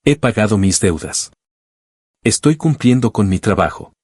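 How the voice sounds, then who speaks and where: A man's voice: fairly low pitch, expressive, measured pace, a little mellow, husky, dry recording, studio quality. A man voicing a widowed father who speaks firmly in defense of his household in a spoken story. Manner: firm, defiant. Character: widowed father, protective and firm.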